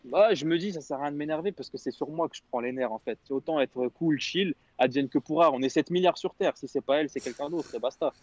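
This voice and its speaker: A man's voice: a little high, fast, few pauses, no echo, highs cut off. A young man telling a long story in casual slangy chat on a radio show, quoting others as he goes. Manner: rambling, slangy, quotes others.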